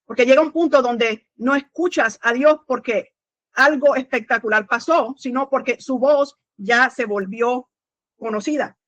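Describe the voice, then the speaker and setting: A woman's voice: on the high side, unhurried, dry recording, muffled recording. A woman preaching a sermon in an earnest teaching tone, asking her listeners questions and often saying "amen". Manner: frequent "amén" and rhetorical questions to the congregation; earnest teaching tone with small restarts.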